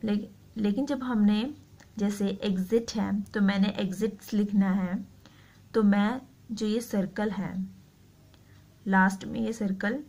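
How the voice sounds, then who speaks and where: A woman teaching shorthand, explaining slowly and repeating each word as she writes it out. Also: mid-range voice, fairly even intonation, darkish tone. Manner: slow, repeats words while writing. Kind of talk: explaining a lesson.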